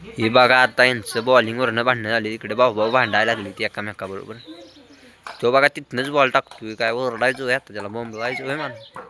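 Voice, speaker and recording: A man gives excited running commentary on a game of rooftop cricket for his vlog, calling out to the kids and to his viewers. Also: mid-range voice, fairly quick, slight background noise. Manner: lively, calls out to kids and viewers. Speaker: vlogger. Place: outdoor rooftop terrace.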